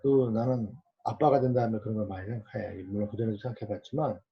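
A man's voice: on the low side, steady tone, quick pace, creaky. A man in his forties leading a casual Bible study discussion, asking the group questions and acting out quoted parents and children. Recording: dull lo-fi recording.

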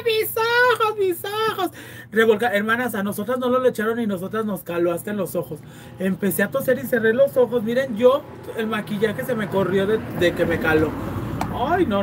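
A woman's voice: mid-range voice, a little hiss or hum. A woman with a Mexican accent hosting a livestream, chatting, teasing and reading viewer comments in a playfully crude way. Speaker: livestream host.

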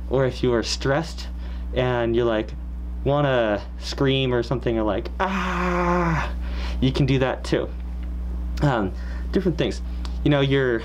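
A young man talking through a costume head in a casual how-to, relaxed and full of fillers and pauses. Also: mid-range voice, a little hiss or hum, poor audio. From Washington State, US. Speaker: fursuit performer.

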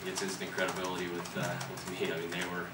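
At a postgame press conference, an earnest college hockey coach in his thirties talks fast, restarting his sentences with repeated words. His low, even voice echoes in the room and sits at a distance from the table mic, which is about as far away as the camera. Loud background noise runs under everything.

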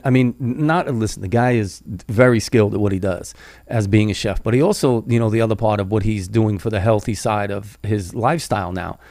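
A podcast host with a lowish, darkish voice talks a little fast in a casual interview, rambling and tacking "right?" onto his sentences. He's close on a studio boom mic with headphones, and there's no echo.

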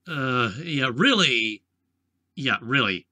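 A man's voice: medium pitch, animated, normal speed, sharp tone, no echo. A man with a playful, sarcastic manner, joking through gameplay commentary as a let's play host.

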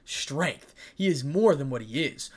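A man playing an old male god in a fan-made story, calm and musing with quiet worry underneath. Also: on the high side, a little slow.

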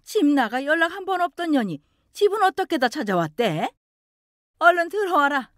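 A woman doing a shrill, scolding old mother-in-law. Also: big pitch swings, normal speed, dry recording, studio quality.

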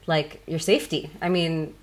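A woman's voice: low-pitched, steady tone, moderate pace. A woman in her thirties, a guest author chatting casually in an interview, talking in a loose, filler-heavy way and laughing often.

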